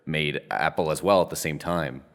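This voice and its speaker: A young man with a very low voice trades brash, mock-aggressive jokes as a podcast co-host. He sounds like he is in a reverberant room. His delivery is loud and teasing. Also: moderate pace. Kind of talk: casual comedic banter. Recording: echoey room with long reverb.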